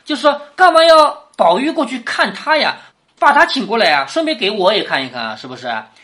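A woman lecturing on classic literature in an easygoing, conversational way. Her pitch rises and falls constantly as she explains. She keeps drawing in the listener with rhetorical questions. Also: big pitch swings, a little fast, fairly bright tone.

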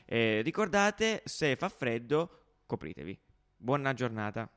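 A man's voice: medium pitch, sing-song, unhurried, a bit bright. A man from southern Italy hosting a chat in an emphatic, exclamatory, jokey and teasing manner. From Cisternino, Apulia, southern Italy. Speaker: podcast host. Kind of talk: lively comedic chat.

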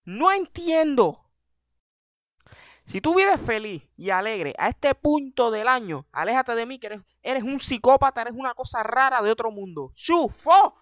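A young man with a Puerto Rican accent doing an animated, self-mocking comedic monologue as a podcast host, heavy on slang. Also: extremely high pitch, normal speed, hardly any pauses, no echo, studio quality.

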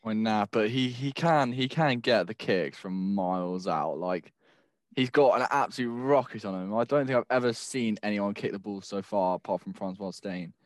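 Low-voiced teasing male sports host. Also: moderate pace, dry recording. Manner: teasing, banter-heavy. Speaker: podcast host. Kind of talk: casual sports chat.

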